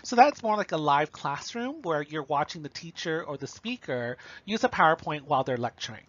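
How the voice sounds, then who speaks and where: A man with a slightly higher voice delivers a recorded lecture, explaining each point plainly and checking in with "okay" and "right". The recording is a bit muffled and lo-fi. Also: very animated, a little fast, fairly bright tone, dry recording.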